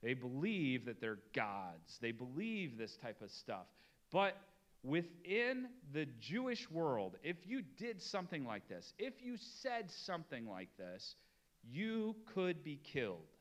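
A middle-aged man delivers a sermon in a lively, swooping voice that sits slightly high for a man. He slows down and leans hard on key words, then hurries through the asides to his listeners. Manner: animated preaching, drawn-out emphasis on key words. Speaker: pastor.

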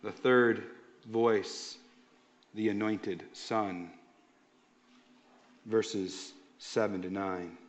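A pastor preaching a sermon in an emphatic, slow and deliberate way. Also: male voice, on the low side, fairly even intonation. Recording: dull lo-fi sound.

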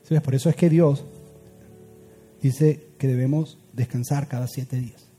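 Dark-voiced man preaching a sermon. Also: mid-range voice, steady tone, normal speed, slightly rough, soft background music. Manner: swings from loud urgent build-ups to hushed quiet lines. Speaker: pastor.

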